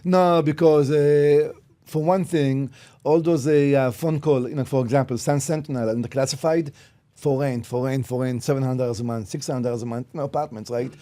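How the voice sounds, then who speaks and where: A mellow, mid-range voice with fairly even intonation moves a little fast as this fifty-something guest, originally from Israel, bluntly shares his real estate story. He works as a commercial real estate broker, and in this casual podcast chat he keeps checking in with "okay?". It's recorded on a podcast studio mic.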